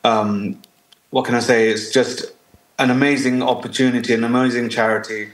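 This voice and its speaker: Man from Bangladesh, earnest, halting speech, mid pitch, roomy echoing sound. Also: fairly even intonation. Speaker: charity guest. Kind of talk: casual interview. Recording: roomy echo.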